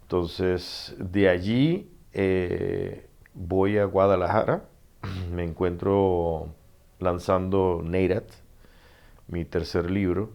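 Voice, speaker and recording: Very slow and creaky, his low voice carries a Panamanian Spanish accent. This middle-aged author guest tells stories in a casual interview, animated throughout, acting out dialogue and often laughing.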